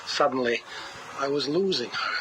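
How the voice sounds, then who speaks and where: A cold, grieving scientist who measures every word and lingers on his loss. He is heard through the hiss of a played-back cassette tape. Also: medium pitch. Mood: mournful. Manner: slow, controlled, mournful delivery. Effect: played back from a cassette tape recording. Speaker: interview subject. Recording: hissy cassette tape playback.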